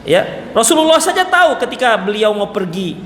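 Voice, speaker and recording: Guy preaching in a mosque, high voice, lots of echo, jokey storytelling. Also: moderate pace. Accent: Indonesian. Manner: lively, joking asides with acted quotes. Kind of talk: mosque sermon. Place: mosque hall. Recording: echoey hall, faint room noise.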